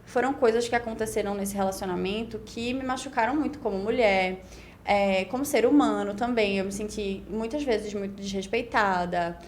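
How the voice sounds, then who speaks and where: A woman's voice: medium pitch, normal speed, slight background noise. A woman in her twenties with a Pernambuco accent, a podcast guest talking through her story in long, reflective stretches, often tagging on "né?". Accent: Brazilian Portuguese, Pernambuco. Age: 20s. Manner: reflective, talks in long run-on stretches with frequent "né?". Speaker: guest, beauty pageant winner. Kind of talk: casual podcast interview.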